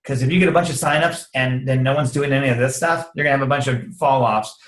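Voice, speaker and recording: A man giving a casual, energetic sales training talk, slangy and quick to act out sample conversations. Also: medium pitch. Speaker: network marketing trainer. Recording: roomy echo.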